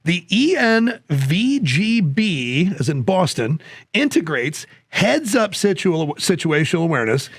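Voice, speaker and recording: A man co-hosting a casual chat podcast, his voice sitting fairly high for a man. He jokes, rambles and slips in sales plugs. The sound is close and dry, with no room around it. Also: sing-song, measured pace, breathy edge, dry recording. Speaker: podcast co-host.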